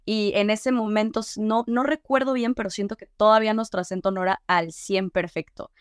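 A young woman, a guest chatting in a relaxed way, full of fillers. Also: medium pitch, brisk, clean tone, dry recording, studio quality. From Mexico. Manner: relaxed, with many fillers like "eh" and "como que". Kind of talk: casual interview conversation.

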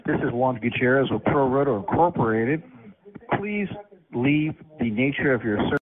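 A man's voice: medium pitch, normal speed. Man's recorded voicemail greeting on a phone line. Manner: polite, businesslike delivery. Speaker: business owner's voicemail greeting.

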